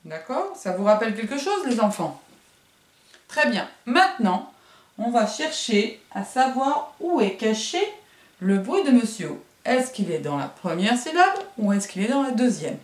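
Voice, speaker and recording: A woman's voice: fairly high pitch, big pitch swings, measured pace. A woman kindergarten teacher giving a remote phonics lesson to young children, sounding words out syllable by syllable and encouraging them. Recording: roomy echo.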